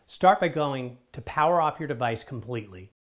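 A middle-aged man walks viewers through a phone tutorial in a friendly, conversational way. His pitch sits in the ordinary middle range for a man. He is recorded on a lapel mic in a studio. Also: expressive, normal speed. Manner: upbeat, direct, conversational. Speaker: tech tips host. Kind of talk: scripted tech how-to presentation. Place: in front of a studio screen wall, indoors.

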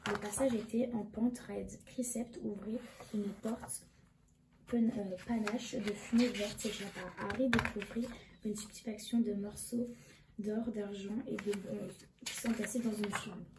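A woman reading a casual summary of a novel, halting with many restarts and fillers. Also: medium pitch, steady tone. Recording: echoey room with background noise.

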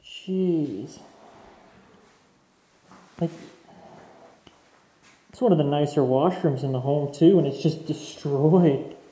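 Walking through the basement of an abandoned mansion, a young urban explorer from Canada talks casually to his viewers, addressing them as "guys." His fairly high, warm voice moves slowly with frequent pauses, and his walkthrough commentary echoes around the empty rooms.

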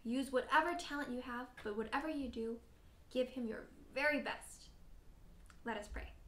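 A woman leading a children's worship lesson and prayer, gently asking the children questions and talking straight to them. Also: high voice, moderate pace, reverberant.

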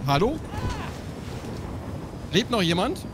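A man yells and swears his way through a multiplayer game in a high voice. His pitch swings wildly from one outburst to the next. Steady noise runs under the voice chat. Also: slow. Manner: loud, excitable, swears and yells for help. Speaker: let's play co-player. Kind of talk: casual gaming chat.

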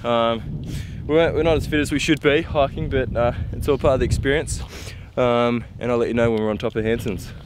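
On a wet, windy mountain, a young adult man from Tasmania, Australia, chats casually to the camera he holds at arm's length as he hikes. His medium-pitched voice carries an enthusiastic, rambling vlog narration full of ums. There is noticeable background noise in the outdoor recording.

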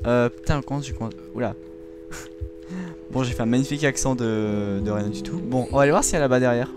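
A man's voice: mid-range voice, a little fast. A young man hosting a casual game video, chatting to viewers with frequent giggles. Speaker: gaming video host. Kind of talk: casual let's-play commentary. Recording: game music playing behind.

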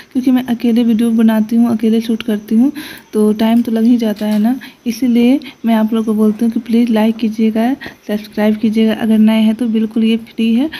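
Her fairly high, warm voice carries a casual voice-over for her viewers. The young village vlogger sincerely lays out her ways and stands up for them.

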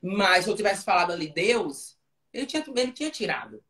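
Interview guest, woman, lower register, chatty storyteller who keeps checking the listener follows; roomy echo. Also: sing-song, a little fast, fairly bright tone. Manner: tells it vividly, often checking in with "entendeu?"; frequent fillers and restarts.

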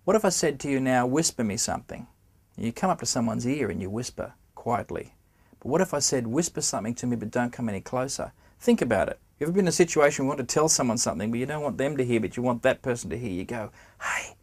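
A man's voice: medium pitch, animated, quick pace, darkish tone. A middle-aged man giving a spoken trumpet lesson, talking straight to the viewer in a conversational way and asking questions. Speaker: trumpet teacher. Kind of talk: spoken music lesson to camera.

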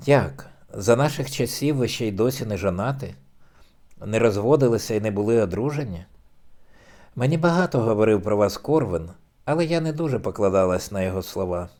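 A man's voice: on the low side, expressive, a little fast, darkish tone, close to an everyday voice. A man reading the lines of a forward young woman who teases a shy man with probing questions. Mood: teasing.

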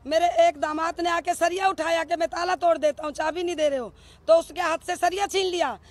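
Standing outdoors in a crowded street before a bank of press microphones, a grieving middle-aged mother makes an emotional statement, firing accusatory rhetorical questions and demanding answers. Her very high voice holds a steady tone, moves a little fast and carries no echo.

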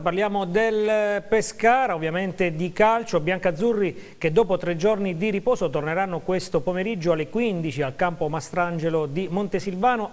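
A man presenting the sports news on a local TV bulletin, reading in a brisk, formal way. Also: sits high.

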